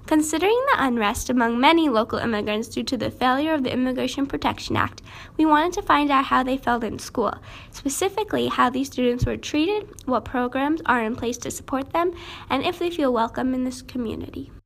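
Student reporter, teenage girl: high, fry-tinged, earnest scripted read. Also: fairly quick. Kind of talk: scripted narration.

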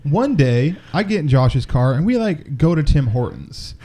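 A man's voice: a little high, normal speed, husky. A young man co-hosting a podcast, telling a story in casual, profane chat and laughing as he goes. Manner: animated, profane, laughs through his story. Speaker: podcast co-host.

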